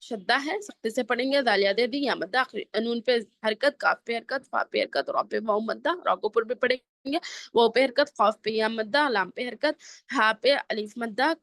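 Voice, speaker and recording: A woman with a Pakistani Urdu accent teaching Quran recitation rules, methodically naming each letter and vowel mark in turn before reciting slowly. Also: a little high, fairly bright tone, no echo, clean studio sound. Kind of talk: tajweed lesson, spelling out rules then slow recitation.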